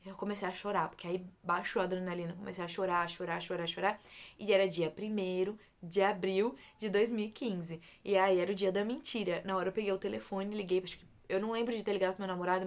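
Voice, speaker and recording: A young Brazilian woman chatting through a personal story at a quick clip. Her voice has a touch of gravelly fry, and she repeats words for emphasis and keeps calling out to her listeners. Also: medium pitch.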